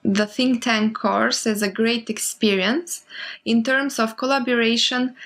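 A woman in her mid-twenties speaks calmly and deliberately to a webcam in a room lined with bookshelves. Her voice sits a little high. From Albania. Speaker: course participant. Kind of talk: self-recorded video statement.

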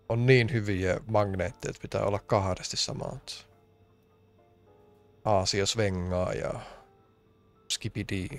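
A man from Finland streams a game and talks in a casual, rambling way, full of jokes and grumbles. His voice is low and gravelly, with plenty of fry. Faint game music plays behind him. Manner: rambling, joking, complaining. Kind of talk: casual let's-play commentary.

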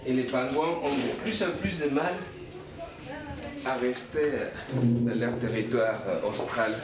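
A man's voice: medium pitch, slow. Joking man, distant in an echoey room. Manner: joking, wry banter. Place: backstage room, indoors. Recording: distant camera, echoey room, loud music.

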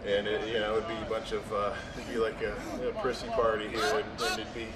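Over a noisy crowd, a thirtysomething man who competes in bodybuilding speaks casually to camera about how he trains in a large indoor gym. His lowish voice is monotone and fairly quick, plain and matter-of-fact with trailing fillers, recorded from afar in echoey sound.

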